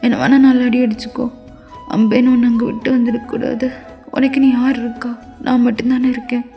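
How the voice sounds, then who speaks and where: A woman's voice: fairly high pitch, little pitch movement, a little fast, creaky, warm tone, faint music behind. A woman voicing a remorseful, hot-tempered young husband who begs his wife tearfully in a fan-made audio story. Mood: pleading. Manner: tearful begging.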